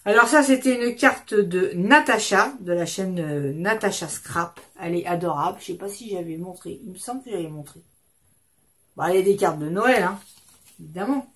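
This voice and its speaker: A woman's voice: lowish voice, normal speed, fairly bright tone. Woman in her 50s rambling away at her desk, casual chatty vlog, keeps cutting herself off. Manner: rambling, chatty, self-interrupting. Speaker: craft channel host. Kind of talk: casual chat. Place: at a home desk, indoors.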